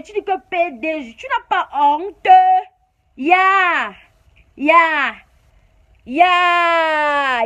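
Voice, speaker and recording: A woman with a Cameroonian French accent delivering a heated, confrontational rant at the camera. She scolds and hammers the same jabs again and again. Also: high-pitched. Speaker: YouTuber.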